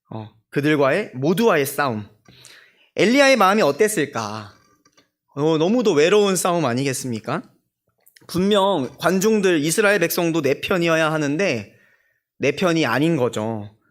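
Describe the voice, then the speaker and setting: Young male junior pastor preaching; lively, fairly high voice, speaks directly to the congregation. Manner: storytelling with acted-out quoted voices; addresses the congregation directly with questions. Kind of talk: sermon. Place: church sanctuary.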